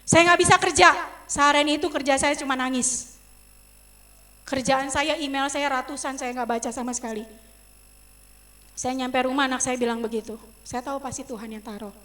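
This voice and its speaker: A middle-aged woman preaching a personal testimony in a church service, swinging from loud emotional outbursts to soft asides as she addresses the congregation. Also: high voice, fairly even intonation, moderate pace. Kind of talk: sermon testimony.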